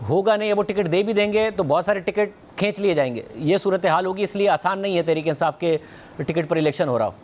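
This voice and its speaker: A man's voice: sits high, fast talker, darkish tone, slight background noise. A male news anchor with a Pakistani Urdu accent, asking a guest pointed questions and pressing him on his answers in a studio interview.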